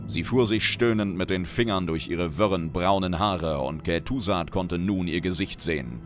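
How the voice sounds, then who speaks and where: Deep-voiced male narrator, dramatic measured read, music bed. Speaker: reader and lore commentator. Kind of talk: reading a fantasy short story aloud. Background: background music.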